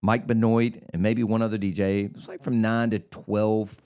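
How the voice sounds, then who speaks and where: A man co-hosting a casual podcast chat, telling animated, rambling stories with many restarts. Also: fairly low pitch, normal speed, clear, resonant tone. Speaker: podcast co-host, DJ.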